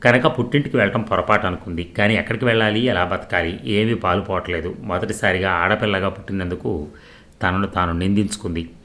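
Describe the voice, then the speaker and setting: A man narrating a novel as storyteller, in a steady, measured reading. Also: low voice.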